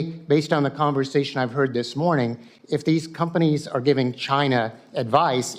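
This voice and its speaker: A man testifying as a witness under questioning, defending his position in an insistent, argumentative way. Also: medium pitch.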